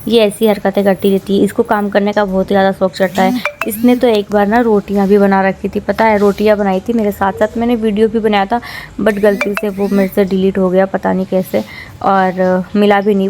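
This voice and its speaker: A woman's voice: medium pitch, dark tone. A young woman chats through her home vlog at an easy, rambling pace, dropping English words into her talk. Her voice sits at a middling height. She records on a phone in her small room, with a faint household hum underneath. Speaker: vlogger. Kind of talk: casual home vlog chat.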